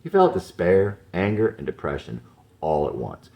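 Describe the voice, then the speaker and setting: Deep, gravelly male audiobook narrator. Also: normal speed. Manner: expressive, varied delivery.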